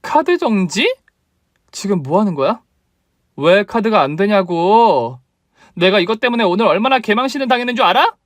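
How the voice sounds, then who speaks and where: A man's voice: high-pitched, lively intonation, normal speed, dry recording, clean studio sound. A man voicing a selfish, demanding young wife who whines and accuses in a story radio drama. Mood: indignant. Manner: whiny, accusing, nagging.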